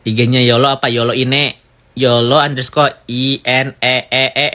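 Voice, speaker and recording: Chatty gossip host, man, bright tone, rambling, mid pitch. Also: little pitch movement, unhurried. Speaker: gossip commentator. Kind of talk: casual gossip commentary.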